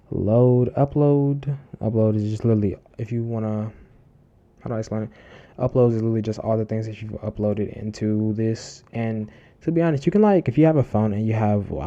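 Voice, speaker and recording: A man's voice: fairly low pitch, mellow, muffled recording. A man casually talking through a screen-recorded tutorial, rambling with many fillers and restarts, breathing close into his desk microphone. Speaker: tutorial host. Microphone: desk mic close to mouth, heavy breathing.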